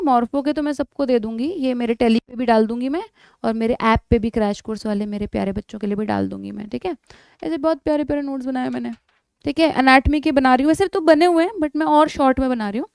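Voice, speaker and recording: A woman's voice: high voice, darkish tone, no room sound, studio quality. Emphatic, coaxing woman teaching biology. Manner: emphatic, coaxing, calls students "beta". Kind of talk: exam revision lecture.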